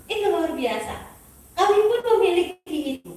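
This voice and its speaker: A woman's voice: very high-pitched, normal speed. A woman school leader giving a teacher training talk, telling stories and acting out the dialogue. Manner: animated storytelling, acting out dialogue. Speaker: school principal speaking to teachers. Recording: very echoey hall, voice from far off.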